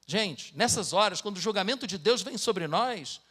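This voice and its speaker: A man's voice: sits high, animated, normal speed, a bit bright, husky. A middle-aged man with a Brazilian Portuguese accent, preaching a sermon as pastor, mixing personal stories with dramatic Bible reading.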